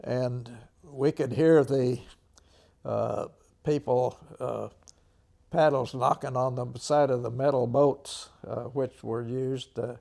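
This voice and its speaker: Steady in tone and mellow, his mid-range voice comes haltingly as this American veteran in his nineties remembers the war during an interview. He clears his throat frequently.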